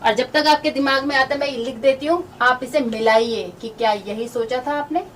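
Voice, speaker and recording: A woman teacher giving a phonics lesson to children, explaining each letter sound slowly and patiently. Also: high voice. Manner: slow, drawn-out, patient explaining to kids. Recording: distant mic, faint background noise.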